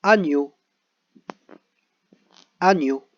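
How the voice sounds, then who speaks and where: Man teaching young pupils, repeating words. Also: fairly high pitch. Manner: slow, repeats each word twice. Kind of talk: reading exercises aloud to young pupils. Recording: dull lo-fi audio.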